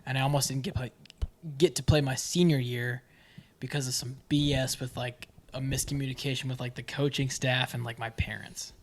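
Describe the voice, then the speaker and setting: A man's voice: mid-range voice, steady tone, moderate pace, a little hiss or hum. Rambling young man in casual chat. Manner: rambling, stumbles over restarts while telling a story. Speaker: podcast co-host.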